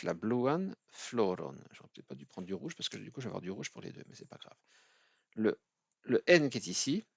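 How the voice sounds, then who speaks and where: A man from France teaching a language lesson at a board, hesitant with many fillers, slowing down to spell out each example word. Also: on the low side, creaky, dry recording, muffled recording. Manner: slow, careful spelling-out of example words. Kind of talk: explaining at a whiteboard.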